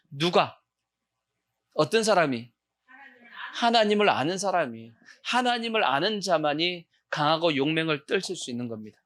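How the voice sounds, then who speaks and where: A man preaches to his congregation in a fairly high voice, firing rhetorical questions at them and answering them himself. At times he jumps into loud, acted shouts to drive a point home. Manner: call-and-response questioning of the congregation. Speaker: pastor. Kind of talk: sermon. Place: church sanctuary.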